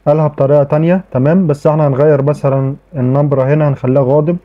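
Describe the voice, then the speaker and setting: Tinny, phone-like audio captures an Egyptian-accented man explaining a tech tutorial over a screen recording. His voice is a little high with fairly even intonation, and he speaks very fast. He keeps it chatty, restarting sentences often and saying "okay" repeatedly.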